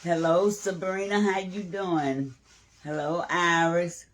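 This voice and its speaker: A man's voice: high-pitched, fairly even intonation, slow, fairly bright tone. A man hosting a casual live cooking stream from his home kitchen, chatting and greeting viewers by name as he cooks. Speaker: home cooking livestream host.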